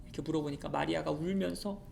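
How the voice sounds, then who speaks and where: A woman teacher telling a Bible story to children in an animated, expressive way, often asking them questions. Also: sits low, fast, vocal fry, slight background noise.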